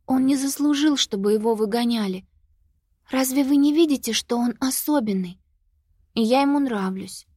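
A woman reading an audiobook, voicing a young girl who begs and pleads in a high, insistent voice. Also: normal speed, a little mellow, slightly rough, no room sound, clean studio sound. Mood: pleading.

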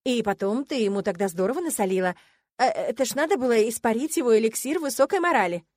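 A woman voicing an excitable romantic young woman friend who gushes and squeals with delight. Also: on the high side, quick pace, no echo, pitched above the performer's own voice. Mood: placating. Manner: gushing, squealing, dreamy.

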